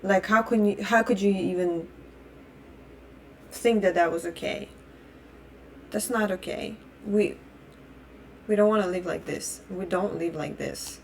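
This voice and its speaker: A young adult vlogger from Russia, a native Russian speaker, rants her opinions bluntly with heavy swearing, heated tone, and repeated restarts. She speaks unhurriedly in a medium, slightly mellow voice with vocal fry and long pauses, and a little hiss or hum is present.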